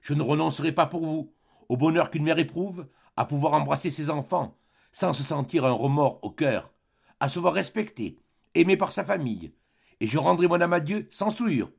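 A man's voice: on the high side, expressive, moderate pace, vocal fry, darkish tone, slightly rough, exaggerated voice. A man reading an audiobook aloud, voicing a proud, virtuous middle-aged baroness who speaks with dignified, declamatory reproach.

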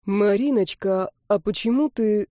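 A woman voicing a polite young man who speaks slowly and mildly, calm even when accused. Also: mid-range voice, no echo, clean studio sound, close to an everyday voice. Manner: slow, calm and mild.

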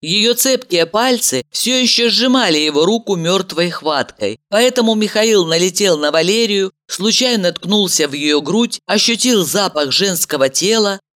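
Lively, expressive woman narrator. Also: mid-range voice, normal speed, few pauses. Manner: lively, dramatic storytelling. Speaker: audiobook narrator.

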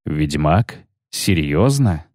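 A man's voice: extremely low pitch, very animated, extremely slow, a little mellow, dry recording, clean studio sound, voice pushed down, heavily acted. A man voicing a menacing older bounty hunter who growls and sneers. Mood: sneering.

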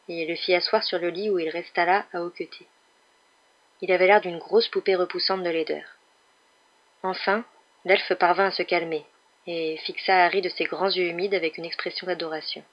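A woman narrating a novel in a steady, measured storytelling voice. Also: on the low side, dull audio. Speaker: audiobook narrator. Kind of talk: scripted narration.

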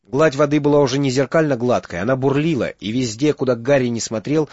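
A man reading an audiobook as narrator, in steady dramatic storytelling. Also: medium pitch, brisk, no room sound, lo-fi sound. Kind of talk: scripted narration.

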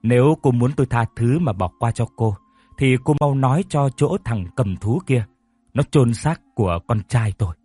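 This is a heartbroken old mother in a ghost story, stern and worn down by loss, as a male narrator puts her on. She speaks slowly and bitterly, pleading between accusations. The voice is mellow and breathy, in a dry close sound with faint music under it. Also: mid-range voice, expressive, no echo. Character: grieving elderly mother, stern and broken.

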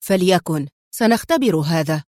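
A woman voicing a menacing male crime boss who speaks in a cold, stern, deliberate way. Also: lowish voice, animated, a little mellow, no room sound, clean studio sound, voice pushed down, lightly acted. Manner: stern, slow and icy.

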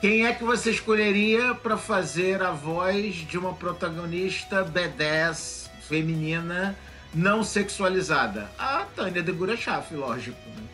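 A man with a Brazilian Portuguese accent co-hosting a podcast, animated and jokey, swearing freely as he talks. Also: high voice, a little slow, soft background music. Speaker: podcast co-host. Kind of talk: casual chat.

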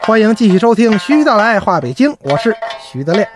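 A man with a Beijing accent hosting a radio show and telling a story in an animated, colloquial way. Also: high-pitched, fast, music in the background. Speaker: host and storyteller.

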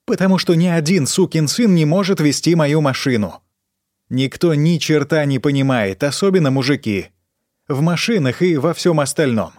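A man's voice: lively intonation, normal speed, darkish tone, no room sound, studio quality, natural voice. A man voicing an erratic, stoned young woman in an audiobook, rambling and repeating herself. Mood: furious. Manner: shrill outbursts, rambling repetition. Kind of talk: audiobook character voice.

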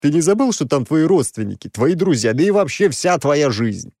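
A man voicing an exasperated six-armed male demon who scolds loudly and sarcastically, in a dry, close recording. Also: on the high side, very animated, normal speed, no room sound, pitched above the performer's own voice.

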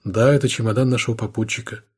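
A man's voice: medium pitch, fairly even intonation, fast talker, darkish tone, slightly rough, close to an everyday voice. A man voicing a sullen, weary ex-convict who mutters his answers, in an audiobook.

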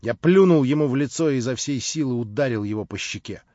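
A male audiobook narrator reading steadily and clearly in a middle pitch. The room adds no echo, and the sound is slightly dull, like a modest home recording. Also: lively intonation, warm tone. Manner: measured storytelling, first-person narration. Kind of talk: scripted narration of a classic novel.

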